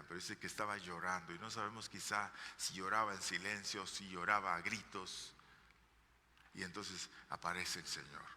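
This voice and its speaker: Fervent preaching pastor, bright ringing voice. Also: male voice, sits low, in a large hall. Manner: fervent preaching, often addressing the congregation as brothers; swings between hushed and loud, emphatic passages. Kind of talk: sermon. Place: church sanctuary.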